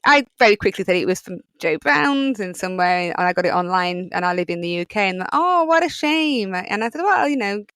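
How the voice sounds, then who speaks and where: Brief: Yorkshire woman podcast host, middle-aged, smooth resonant voice, rambling and chatty, close dry mic. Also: fairly low pitch, quick pace, hardly any pauses, a bit bright, dry recording. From England. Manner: chatty, rambling, many fillers. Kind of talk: solo podcast monologue.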